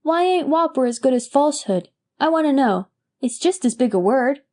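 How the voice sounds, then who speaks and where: A woman's voice: sits high, lively intonation, normal speed, a little mellow, voice pushed up. A woman voicing a mischievous six-year-old boy who talks in a childish, colloquial way. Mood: curious.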